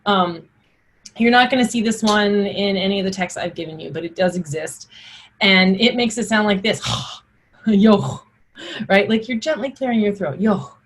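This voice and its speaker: Husky woman teaching Old English pronunciation. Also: medium pitch, moderate pace, a bit bright. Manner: informal, explanatory, enunciates examples. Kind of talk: spoken pronunciation lesson with Old English words sounded out and recited.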